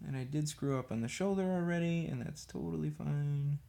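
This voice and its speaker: Painting miniatures on a livestream, a man talks absent-mindedly with brush in hand, casual, rambling, and self-deprecating. His fairly high voice is brisk and warm, with some vocal fry.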